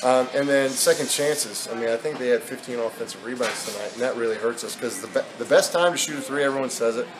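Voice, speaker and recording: A man's voice: mid-range voice, fast talker, hardly any pauses, noisy background. A man in his thirties, a basketball head coach, talking candidly with many fillers in a postgame press interview. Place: indoor press backdrop at an arena.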